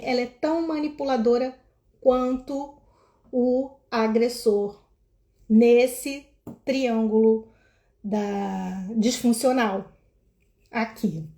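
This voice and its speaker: A woman explaining relationship patterns to viewers in an animated way, pointing and acting out quotes. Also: a little high. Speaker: emotional wellbeing educator. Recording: echoey room.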